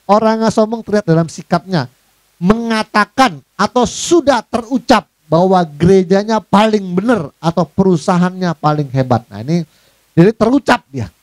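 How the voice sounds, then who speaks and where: Man, pastor, sermon, fairly high voice, conversational, lively, acts out voices. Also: normal speed, no room sound. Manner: lively, acts out mocking voices of proud people; addresses listeners as Pak, conversational.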